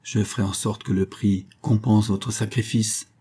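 A man's voice: fairly low pitch, steady tone, unhurried, warm tone, slightly rough. A man reading a cold, proud rich man, curt and dry. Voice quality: dry, clipped delivery.

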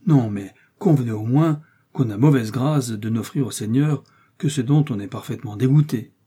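A man's voice: mid-range voice, normal speed, warm tone, lightly acted. A man doing a polite, vain young musketeer. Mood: earnest. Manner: polite, smooth and modest-sounding. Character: young, vain, devout male musketeer turned cleric.

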